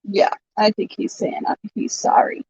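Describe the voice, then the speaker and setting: A woman's voice: moderate pace, mellow. A woman hosting a live online vintage sale, chatting casually and laughing often as she shows items. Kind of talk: casual live-stream selling chat. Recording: dull lo-fi stream audio.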